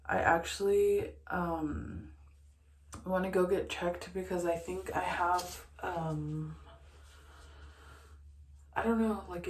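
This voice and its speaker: A young woman, short of breath, chatting casually to camera in a rambling way, full of fillers and restarts. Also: low voice. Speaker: vlogger. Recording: echoey room.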